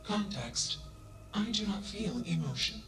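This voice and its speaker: A flat, emotionless AI. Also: male voice, high-pitched, unhurried. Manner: flat, emotionless, clipped keyword speech. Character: emotionless male AI mind, cold and literal. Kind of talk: video game dialogue. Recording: echoey game audio over music.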